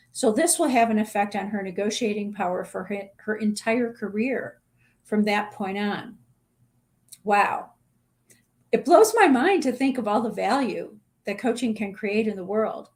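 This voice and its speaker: A woman's voice: mid-range voice, darkish tone. A middle-aged woman executive coach talking directly to other coaches in a short advice video, earnest and plain-spoken. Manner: earnest, direct, conversational with small restarts.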